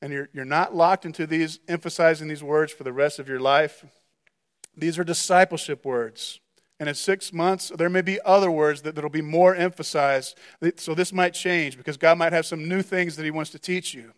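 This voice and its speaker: A pastor delivering a sermon in a high-pitched male voice. He speaks earnestly and keeps restarting phrases, repeating a word two or three times before pushing on. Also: steady tone, normal speed, clear, resonant tone. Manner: earnest, with frequent stammered restarts.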